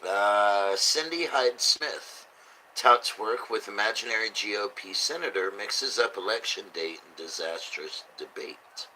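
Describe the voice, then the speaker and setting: A man's voice: lowish voice, a little slow, sharp tone, slight background noise, rough recording. A man who sounds drunk, rambling through casual, blunt, sweary commentary as he reads out headlines. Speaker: host reading and reacting to news.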